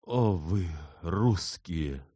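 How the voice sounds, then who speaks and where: A man's voice: low-pitched, a little slow, dark tone, dry recording, studio quality. A man voicing an ardent young man weak from illness, passionate and exclaiming in an audiobook.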